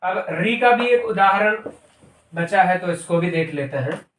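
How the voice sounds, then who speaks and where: A man's voice: high voice, lively intonation, measured pace, fairly bright tone, far from the mic. A man teaching a grammar lesson, explaining step by step and repeating each term as he goes. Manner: explains step by step, repeating terms and asking "ठीक है". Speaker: Sanskrit and Hindi grammar teacher. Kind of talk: classroom-style grammar lesson. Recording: echoey room, voice from off-mic.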